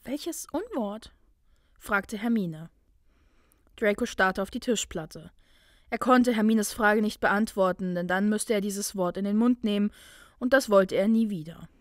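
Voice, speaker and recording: Woman calmly reading a story. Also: mid-range voice, a little slow, no room sound, clean studio sound. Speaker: fanfiction reader.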